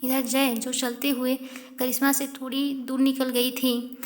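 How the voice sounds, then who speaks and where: Woman telling a love story, high flat voice, long reverb. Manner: slow, conversational, with asides. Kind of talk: audio story narration.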